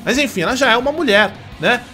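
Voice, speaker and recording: A man's voice: very high-pitched, animated, fast, pushed and bright, faint music behind. A young Brazilian man hosting a show, ranting indignantly and swearing while he reads out a story and acts out its quotes. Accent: Brazilian Portuguese. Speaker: host. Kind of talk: ranting commentary reading a story.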